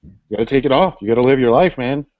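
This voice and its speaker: Guy as male teacher, gentle but firm, awkward coaxing, improv comedy, dry slightly muffled sound. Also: medium pitch, expressive, fast, dry recording, lightly acted. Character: gentle but firm elementary school teacher, grown man.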